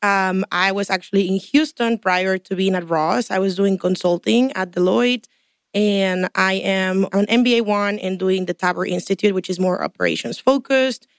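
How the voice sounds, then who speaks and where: A young woman from Tampico, Mexico, an MBA student, joins a casual podcast as a guest and talks in a chatty, detailed, upbeat way. Her mid-range voice is smooth and moderately paced, and the recording is dry.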